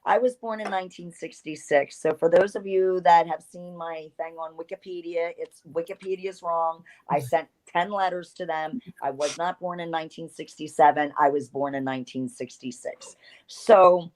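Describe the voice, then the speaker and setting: A woman in her fifties with a New Jersey accent speaks in a notably low, husky-toned register. She talks as an interview guest, rambling through stories in a chatty way and laughing easily. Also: fairly even intonation, normal speed, a little mellow. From South Jersey, USA. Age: 50s. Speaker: guest, retired wrestler. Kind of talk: casual interview storytelling.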